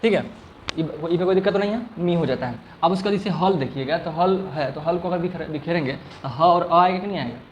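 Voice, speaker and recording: Man, teacher, classroom grammar lesson, repetitive questioning, stretched demonstration sounds, fairly high pitch. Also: fairly quick, highs cut off, a little hiss or hum. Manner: repetitive questioning, checks understanding often.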